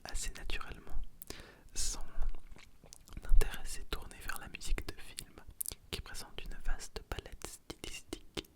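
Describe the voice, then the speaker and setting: A man hosting ASMR in a breathy whisper, halting and softly repeating words. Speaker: ASMR host.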